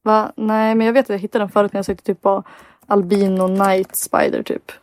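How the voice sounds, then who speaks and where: A woman's voice: mid-range voice, slight background noise. A young woman co-hosting a casual podcast, telling a story with lots of filler words and acting out what people said. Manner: animated storytelling, heavy filler words, acts out quotes. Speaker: podcast co-host.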